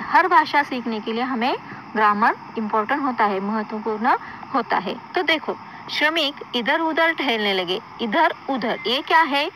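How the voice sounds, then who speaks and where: A woman teacher giving a recorded school lesson, explaining slowly, repeating words and putting questions to her pupils. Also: high voice, background noise.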